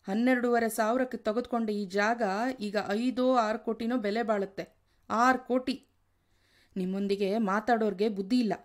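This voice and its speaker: A woman's voice: a little high, steady tone, normal speed, lightly acted. A woman reading aloud and voicing a quarrelsome retired man of seventy-five who raises his voice. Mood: indignant. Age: over 60.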